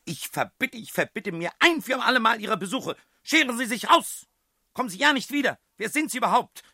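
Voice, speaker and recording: A man's voice: extremely high pitch, expressive, brisk, sharp tone, husky, no room sound, studio quality, voice pushed up, full character voice. A man reading an audiobook voices a furious middle-aged housemistress who scolds and screams at her visitors. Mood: screaming.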